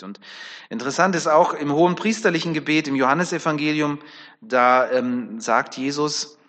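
A male preacher gives a sermon in a relaxed, conversational manner, often tossing a quick question back at his listeners. His voice sits at an ordinary middle pitch. A long reverb trails behind him, as in a large hall. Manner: conversational, with frequent tag questions.

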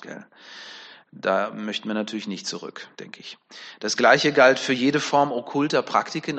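A male preacher gives a sermon in a relaxed, conversational manner, often tossing a quick question back at his listeners. His voice sits at an ordinary middle pitch. A long reverb trails behind him, as in a large hall. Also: creaky. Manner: conversational, with frequent tag questions.

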